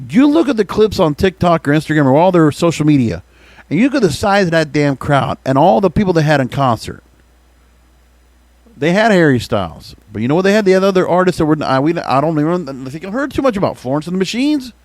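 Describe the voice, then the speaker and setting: An American man with a fairly high voice hosts a podcast in a dry, close sound. His pitch moves widely as he delivers opinionated commentary. He is emphatic and leans on rhetorical questions to make his points. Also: sing-song, quick pace, darkish tone, no room sound. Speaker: podcast host. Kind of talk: opinionated music radio commentary.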